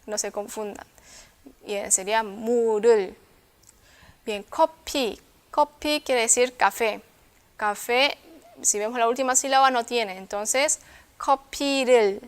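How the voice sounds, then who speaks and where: Clear-voiced woman teaching a language lesson. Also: on the high side, normal speed, long pauses. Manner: patient, repeats words and checks understanding with "¿sí?". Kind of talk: classroom lesson explanation.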